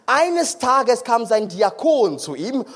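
A man preaches at a conference in a strikingly high voice. He speaks with fervor and keeps turning questions on the congregation. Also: big pitch swings, takes it slowly, fairly bright tone. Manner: impassioned, questioning the crowd. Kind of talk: sermon. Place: conference hall.

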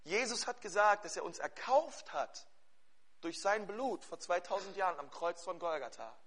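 A man delivers a sermon in a notably high-pitched voice, pressing his points through repetition. He talks straight to his listeners and leads them in prayer. His delivery swings between forceful, loud stress and quiet, hushed passages. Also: animated, moderate pace, slight background noise. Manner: emphatic, repeating key phrases, swinging between loud and hushed; addresses listeners directly. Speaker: preacher.

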